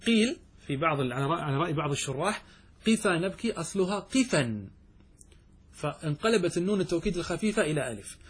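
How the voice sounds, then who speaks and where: Husky-voiced man teaching grammar. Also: a little high, animated. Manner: asks students questions, recites verse slowly. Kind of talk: classroom lesson explaining grammar.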